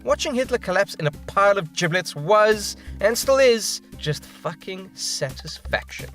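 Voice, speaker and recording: A man's voice: sits high, animated, moderate pace, a bit bright, soft background music. A man co-hosting a gaming video, reading a script with jokey, sweary asides. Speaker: co-host. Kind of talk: scripted banter with co-hosts.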